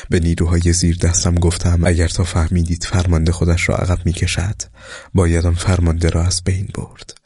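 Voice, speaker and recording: A man reading war memoirs aloud in a slow, solemn, scripted narration that sometimes sinks to a soft whisper. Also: low-pitched, completely flat delivery, breathy edge, no echo, clean studio sound.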